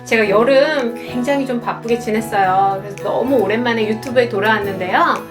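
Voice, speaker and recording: A woman's voice: on the high side, brisk, over music. A woman lecturer telling personal stories in a YouTube talk, acting out the voices of the people she quotes. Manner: animated, acts out quoted voices.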